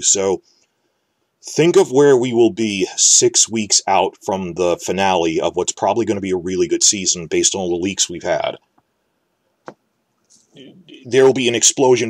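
The recording is dry, and the man's voice is on the low side. He is a fantasy TV commentator from the New York area, speaking alone in a casual, rambling, speculative way and often starting his words over.

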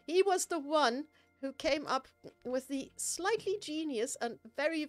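A woman's voice: fairly high pitch, no echo. A woman streaming a building game, chatting casually, laughing often and poking fun at herself. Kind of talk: casual gameplay chat.

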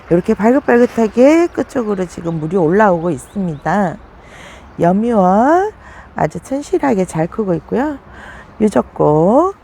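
A mellow-voiced woman who vlogs about succulents walks viewers through her plants in a chatty, casual way, gasping high and sudden as she exclaims. A little hiss or hum sits under the recording.

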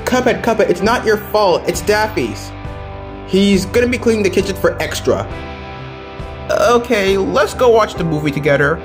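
A woman voicing a calm, parental male cartoon rabbit who is firm but soothing, in a plush puppet show. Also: mid-range voice, normal speed, over music, voice pushed down, natural voice.

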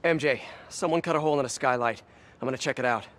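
A man's voice: medium pitch, fast talker, fairly bright tone, slight background noise, lightly acted. A man playing a young masked superhero in a video game, earnest, quippy and conversational. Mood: focused. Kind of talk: video game cutscene acting.

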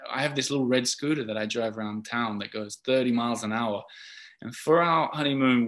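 A man's voice: mid-range voice, a bit bright. A man with an Australian accent, a podcast host, talking casually and rambling with lots of filler words on a video call. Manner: rambling, chatty, many fillers. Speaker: podcast host, guest speaker. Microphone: video call mic.

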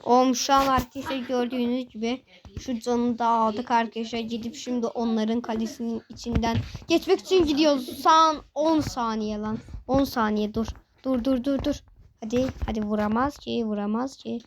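A young gaming host giving excited live commentary while playing. They repeat the same phrases over and over and shout urgent commands at the screen. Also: mid-range voice, moderate pace, slight background noise, poor audio.

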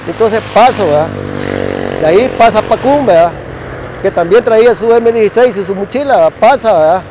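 Salvadoran ex-soldier, middle-aged man, high voice, chatty storyteller with a constant "va" tag and gunshot sounds. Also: moderate pace, darkish tone, slight background noise, rough recording. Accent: Salvadoran Spanish. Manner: tags nearly every phrase with "va", mimics gunshots. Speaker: former soldier telling a war story. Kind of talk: casual spoken storytelling.

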